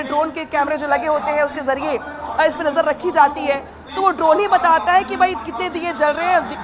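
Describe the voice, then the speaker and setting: A woman field reporter with a high voice explains the scene at length on a live feed. The sound is dull and muffled, and a busy crowd hums loudly behind her outdoors. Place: outdoors at a crowded riverside event.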